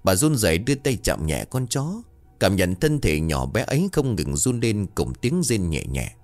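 Brief: male storyteller for a spooky tale, deep voice swinging widely, soft music underneath. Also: big pitch swings, moderate pace. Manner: suspenseful, dramatic. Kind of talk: scripted horror story narration.

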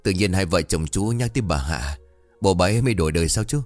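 A man's voice: low-pitched, animated, fast, no echo, faint music behind. A man doing a curious, hesitant young villager. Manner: hesitant, polite.

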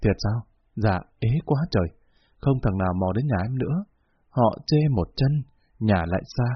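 A man's voice: on the low side, animated, moderate pace, husky, no echo. A man reading as a faint, pleading young woman. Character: weak desperate young woman, addicted. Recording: dull lo-fi recording.

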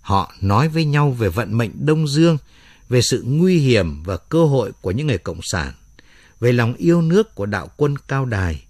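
A man narrating a dramatic story aloud in an expressive storytelling manner. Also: medium pitch, moderate pace, dry recording, studio quality.

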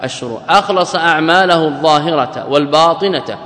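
Arabic lecturer in an echoey hall. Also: male voice, fairly high pitch, a little fast, a bit bright. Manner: explains step by step, quoting then glossing, asks and answers his own questions. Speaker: Islamic scholar teaching a text.

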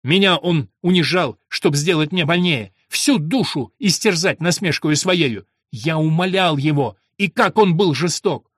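Ruy Blas, as a male reader voices him, a wronged servant who declaims his verse with fierce conviction. The voice sits fairly high, carries a husky edge and stays close and dry. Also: expressive, a little slow, few pauses, fairly bright tone, dry recording, heavily acted. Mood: indignant. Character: Ruy Blas, lovesick servant turned avenger, adult man. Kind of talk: dramatic verse reading.

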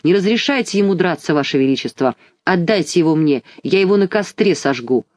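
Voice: medium pitch, animated, fairly quick, a little mellow, no echo, natural voice. A reader voicing a vicious older bishop in a storybook who hisses out his demands, in a dry recording. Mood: zealous, vengeful. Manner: hissing, zealous.

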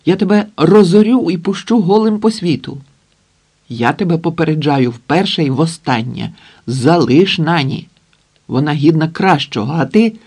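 A man voicing a jealous, nerdy young man who shouts in a shrill falsetto. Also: moderate pace, slightly rough. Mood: furious shrieking.

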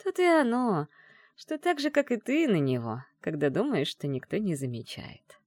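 Woman reading a gentle teasing witch mother. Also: mid-range voice, big pitch swings, normal speed, dry recording, clean studio sound, voice pushed up. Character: caring, shrewd middle-aged witch mother. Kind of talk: audiobook character voice.

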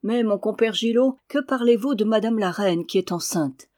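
A woman reading the part of a talkative, jovial old friar in an audiobook, in a soft storytelling voice. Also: mid-range voice, normal speed, natural voice. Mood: chatty.

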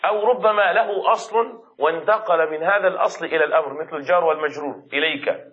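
A man's voice: fairly high pitch, muffled recording. Male Arabic teacher with a raised voice. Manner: explains slowly and repeats key words; asks students questions as he goes. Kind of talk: classroom lesson.

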